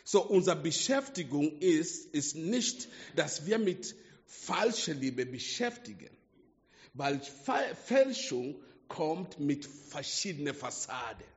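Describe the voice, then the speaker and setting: Guy preaching real slow, kinda high voice, dull lo-fi sound in a big echoey hall. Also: big pitch swings. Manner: slow, halting delivery with restarts and broken grammar. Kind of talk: sermon.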